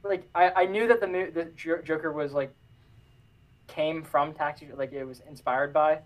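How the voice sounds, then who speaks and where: A young man co-hosting a casual chat, animated and jokey, often tripping over his words. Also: on the high side, normal speed. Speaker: podcast co-host.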